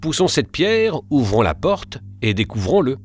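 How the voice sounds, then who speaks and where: Calm, clever young girl guide, voiced by a man, raised pitch, steady instructive delivery. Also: unhurried, faint music behind. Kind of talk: storybook character reading.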